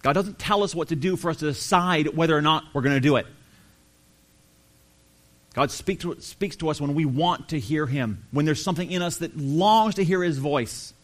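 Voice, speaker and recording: A man preaching a sermon, earnest and emphatic, slowing down to stress key phrases. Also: on the high side. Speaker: pastor.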